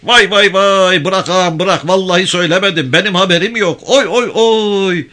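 A man's voice: high-pitched, normal speed, voice pushed up. A man doing a wailing village mullah. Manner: loud theatrical wailing. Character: village mullah, man, pretending to wail under beating.

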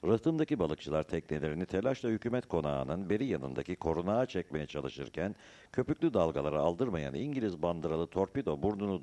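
Guy reading a novel aloud, really low dark voice, moves around a lot in pitch. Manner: measured, storytelling delivery. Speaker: audiobook narrator. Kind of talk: scripted novel narration.

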